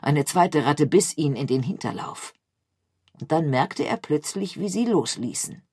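A woman reading a children's story aloud in a measured, expressive way. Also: sits low, slightly rough, dry recording, clean studio sound. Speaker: narrator.

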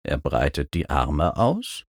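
A man reading an audiobook, voicing a gruff, stubborn male dragon who grumbles in short, laconic replies. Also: a bass voice, huge pitch swings, takes it slowly, dry recording, studio quality, pitched below the performer's own voice, exaggerated voice. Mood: grumpy, laconic. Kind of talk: audiobook character voice.

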